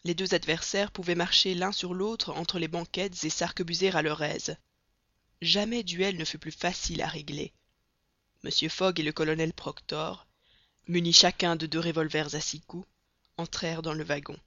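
An audiobook reader narrating a classic novel in a steady, measured way, in a dull, dry recording. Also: medium pitch, dry recording.

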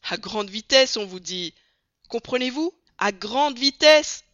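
A reader voicing a hotheaded American colonel in an audiobook, loud and hectoring with heavy emphasis. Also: mid-range voice, very animated, fairly quick, no room sound. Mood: blustering. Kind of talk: audiobook character voice. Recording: dry, dull lo-fi read.

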